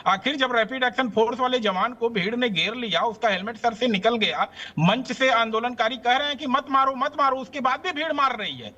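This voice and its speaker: A man argues as a guest on a televised political panel, firing off rhetorical questions with indignant force. His voice sits very high and rings bright and tense. He pushes his point hard and rarely pauses. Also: lo-fi sound. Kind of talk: heated political debate.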